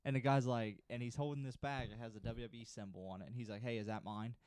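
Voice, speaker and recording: A man's voice: mid-range voice, quick pace, darkish tone, clear, resonant tone, no echo. A man co-hosting a casual podcast, telling rambling, laid-back anecdotes. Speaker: podcast co-host.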